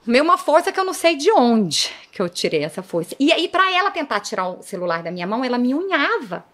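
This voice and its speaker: A woman's voice: high voice, very animated, fast, a bit bright. A woman, a police chief being interviewed, telling her story vividly and often speaking to the audience. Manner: vivid, dramatic retelling, often addresses the audience.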